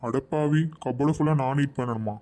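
A woman's voice: rumbling low, a little fast, mellow. A woman voicing a teasing, easygoing young husband in a cartoon, coaxing and playful.

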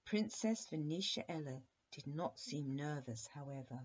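A woman reading a bedtime story aloud in a slow, steady, soothing way, on a dull lo-fi recording. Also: low voice, breathy edge. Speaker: storybook reader.

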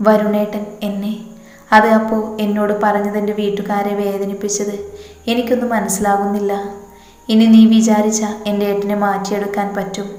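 A soft-spoken, caring older sister-in-law from a storybook, read by a woman. She talks in a very flat, level tone, earnest and confiding. The voice rings with a long, roomy reverb. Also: mid-range voice, moderate pace, close to an everyday voice. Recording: echoey room with long reverb.

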